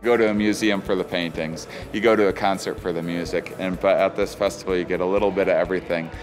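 Deep-voiced man, thoughtful. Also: fairly even intonation, fast, music in the background. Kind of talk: festival interview.

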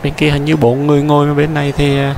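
A man's voice: a little high, completely flat delivery, fast talker, darkish tone, a little hiss or hum, rough recording. A man giving casual walking-tour commentary through a large indoor amusement park, chatty, talking straight to his viewers with many fillers and restarts.

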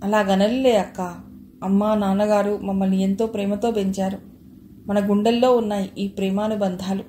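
Brief: a woman doing a cheeky young student sister in a storybook, earnest, mellow voice. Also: mid-range voice, flat delivery, normal speed, echoey room, slight background noise, natural voice. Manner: playful, earnest.

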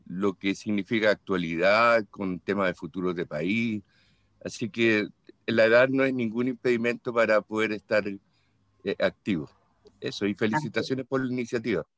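Low-voiced older man, dry. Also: no echo. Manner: measured, halting, restarts mid-phrase. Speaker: workshop participant. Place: home room indoors. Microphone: headset on a video call.

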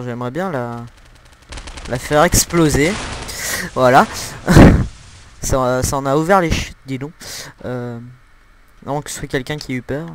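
A man's voice: medium pitch, noisy background. A young man giving joking, crude let's-play commentary at home, with lots of fillers and laughter into a desktop mic. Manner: joking, giggly, crude humor, many fillers. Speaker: gameplay commentator.

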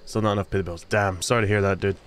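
A man's voice: on the low side, steady tone, very fast, a little hiss or hum. A man casually commenting while playing a horror game, joking around and reading chat aloud. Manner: joking, reads chat aloud, playful silly voices. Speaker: gaming streamer. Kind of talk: casual let's-play commentary.

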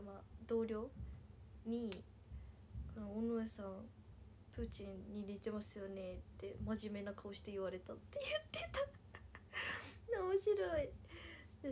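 A woman's voice: fairly high pitch, warm tone, slight background noise. A woman in her twenties from Nagasaki, with a Nagasaki Japanese accent, chatting casually on a livestream, giggling often and dropping into whispers as she answers viewer comments. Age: 20s.

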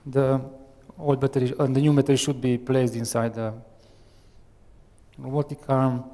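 Speaking into a headset, a Romanian-accented man in his thirties, a software architect, presents a live tech demo to a crowd in a large conference room. He talks at a moderate pace in a flat, mid-range voice, stumbling through plenty of fillers and restarts. A long hall reverb hangs on every word.

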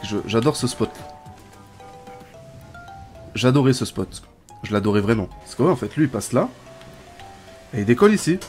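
Chatty gamer guy. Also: medium pitch. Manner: chatty, bursts into excited shouts and laughs. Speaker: gaming YouTuber. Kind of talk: casual gameplay commentary.

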